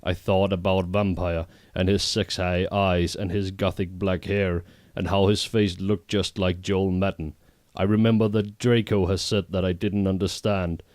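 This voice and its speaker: A man reading a fanfiction aloud exactly as written, in a deadpan voice, with brief asides. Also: deep voice, dry recording, studio quality. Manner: deadpan, reads errors as written. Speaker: reader.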